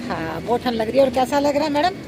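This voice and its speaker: High-voiced woman vlogging outside at night. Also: animated, fast, crowd noise. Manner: chatty, teasing, says she is cold. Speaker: vlogger and mother. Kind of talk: casual on-location vlog talk. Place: outdoors on a rainy night street. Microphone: handheld phone camera. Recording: phone audio with street and rain noise.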